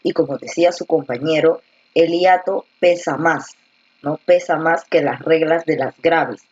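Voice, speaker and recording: A woman teacher with a fairly low, husky voice explains patiently in an online class, slowly repeating words to stress their syllables. The sound is dull and dry, like lo-fi video call audio. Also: a little mellow, dry recording. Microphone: computer or headset mic on a video call.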